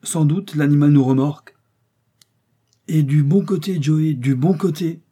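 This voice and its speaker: A man doing a calm, wise explorer doctor. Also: medium pitch, moderate pace, husky. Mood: reassuring.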